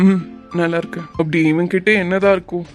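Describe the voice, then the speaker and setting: A man voicing an off-duty young doctor who answers plainly and matter-of-factly, in an animated drama. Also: high voice, quick pace, soft background music, lightly acted.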